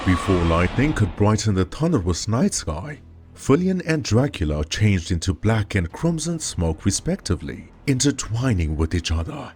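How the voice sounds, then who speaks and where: A man narrating a scripted horror story as storyteller, with dramatic, expressive delivery. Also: deep voice, a little hiss or hum.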